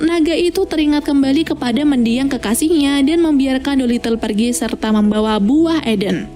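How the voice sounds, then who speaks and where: A woman narrates a story from a script. Her tone is soft and mellow, and music plays behind her. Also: sits high. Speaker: narrator of film plot recaps.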